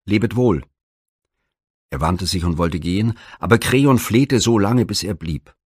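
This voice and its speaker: A man narrating a Greek myth as an audiobook in a measured, even storytelling manner. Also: low voice, breathy edge, no room sound, clean studio sound.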